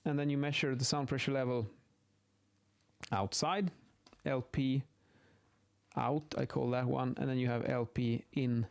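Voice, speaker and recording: Medium in pitch and gravelly, this man's voice stays fairly even in intonation at a measured pace. He's an acoustics instructor explaining measurement methods in a casual lesson made up on the spot while sketching, reasoning aloud and correcting himself.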